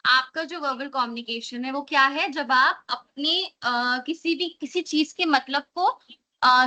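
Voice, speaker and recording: A woman teacher trainer giving a lecture, explaining in Hindi mixed with English, often adding "theek hai" and reading definitions slowly from a slide. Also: sits high, bright, forceful tone, low-quality recording.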